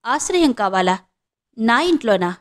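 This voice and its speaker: A proud middle-aged woman, voiced by a female narrator who speaks sharply and with scorn. She snaps out short questions in a high voice and does not hide her contempt. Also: big pitch swings, unhurried. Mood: scornful.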